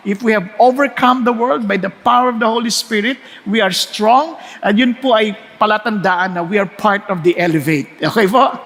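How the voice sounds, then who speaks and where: Bright, high-voiced male preacher mixing languages. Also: normal speed, few pauses, long reverb tail. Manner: switches between Tagalog and English, acts out stories, laughs often. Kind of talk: sermon.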